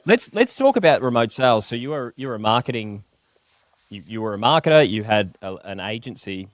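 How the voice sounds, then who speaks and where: A man's voice: medium pitch, sing-song, brisk, no room sound. A man from Tasmania hosting a podcast interview in an upbeat, joking manner. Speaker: podcast host.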